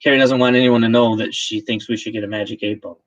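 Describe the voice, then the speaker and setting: A man's voice: on the low side, fairly even intonation, quick pace, highs cut off. A man hosting a casual livestream, talking in a chatty, rambling way with many restarts. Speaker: livestream host. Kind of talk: casual chat.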